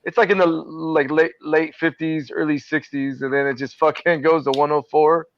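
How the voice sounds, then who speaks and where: A man with a slightly high voice hosting a casual podcast, relaxed and full of swearing as he tells stories. The audio is dry and a little dull. He sounds close to the mic in a small, dead room. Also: normal speed, dry recording. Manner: laid-back, profane, storytelling with laughs. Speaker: podcast host.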